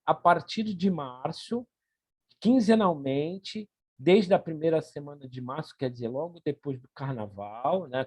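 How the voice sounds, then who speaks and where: A man from Brazil presenting a plan at an online meeting, earnest and halting, often repeating words as he goes. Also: fairly high pitch, darkish tone, no echo. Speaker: meeting organizer.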